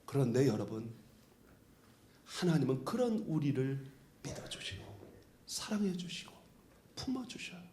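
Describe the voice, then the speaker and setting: A male pastor preaching a sermon, moving between shouted prayer and hushed whispers. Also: mid-range voice, big pitch swings, a little slow, pauses often, slight background noise. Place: church sanctuary. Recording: echoey church hall.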